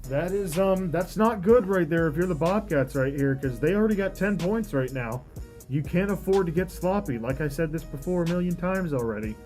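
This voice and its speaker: A man's voice: on the high side, expressive, brisk, a little mellow, soft background music. A man giving live color commentary on a lacrosse game in a plain, conversational way between plays.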